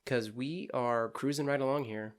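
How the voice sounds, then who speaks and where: A man's voice: mid-range voice, fairly even intonation, normal speed. A man hosting a podcast in casual chat, easygoing as he prompts his guest. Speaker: podcast host.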